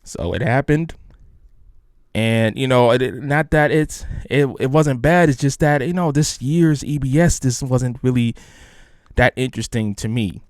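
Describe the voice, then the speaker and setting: Male podcast host, mid pitch, hyped rambling delivery, dry close sound. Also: measured pace, no echo. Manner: rambling, hyped, many restarts. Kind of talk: casual solo podcast talk.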